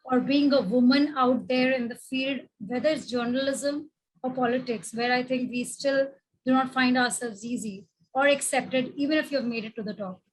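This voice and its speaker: A woman's voice: sits high, fairly even intonation, moderate pace, breathy edge, poor audio. A woman with an Indian English accent, hosting a conversational interview and putting questions to her guest. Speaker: interviewer, podcast host.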